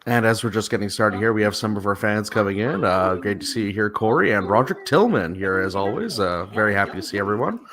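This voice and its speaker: Male baseball co-commentator, lowish pitch, relaxed conversational sports-stream delivery. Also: fast talker, few pauses, a crowd in the background. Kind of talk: casual live sports commentary.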